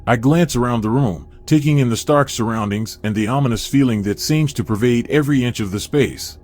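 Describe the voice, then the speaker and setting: Male narrator, mid pitch, steady first-person horror storytelling. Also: brisk, faint music behind.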